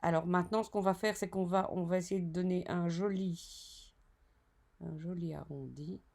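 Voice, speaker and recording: A woman tutoring design software over a screen recording, chatty and narrating each step with self-correcting asides. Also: lowish voice, fairly even intonation, normal speed, vocal fry.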